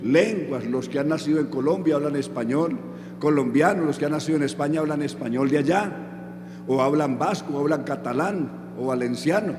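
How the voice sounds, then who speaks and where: A man preaching a sermon who keeps asking the audience questions and then answers them himself. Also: a little high. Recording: echoey hall with music underneath.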